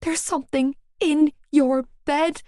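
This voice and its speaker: A woman playing a shrill, panicky teen girl. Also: steady tone, takes it slowly, warm tone, no echo, clean studio sound. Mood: panicked. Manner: high, shrill panicky pleading. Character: frightened teenage girl, jumpy and dramatic.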